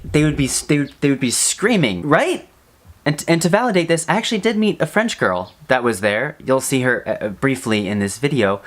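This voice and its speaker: A vlogger chatting casually to camera in an animated, exasperated way, often throwing out rhetorical questions. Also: mid-range voice.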